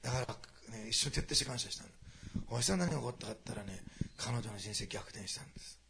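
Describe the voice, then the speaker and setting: A man preaching a sermon to a congregation, moving quickly between quiet storytelling and loud, animated passages. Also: mid-range voice, vocal fry, a little hiss or hum. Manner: fast, animated preaching that swings from hushed asides to loud climaxes. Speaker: pastor.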